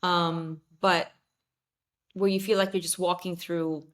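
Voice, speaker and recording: Her voice on the low side and level in tone, a woman in her thirties, raised in Saudi Arabia with Arabic as her mother tongue, speaks slowly as a guest on a podcast. The chat is relaxed, with plenty of fillers, restarts, and easy laughter.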